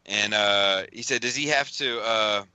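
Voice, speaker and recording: A man's voice: fairly low pitch, measured pace, pushed and bright, slight background noise. A man hosting a podcast in casual chat, rambling through a funny story with lots of laughing and swearing. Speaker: podcast host.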